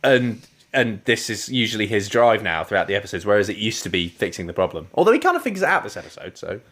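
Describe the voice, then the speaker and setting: Guy on a podcast, chatty, pitch jumps around a lot, laughs a bunch. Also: fast. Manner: lively, chatty, laughs easily. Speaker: podcast co-host. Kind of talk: casual review chat.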